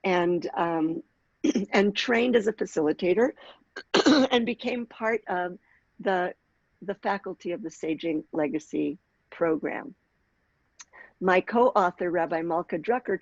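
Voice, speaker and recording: A woman in her sixties leading a workshop on aging, speaking in a measured way and clearing her throat now and then. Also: on the low side, a little mellow, dry recording, muffled recording. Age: 60s. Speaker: workshop leader and author. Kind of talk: workshop talk with read-aloud passage.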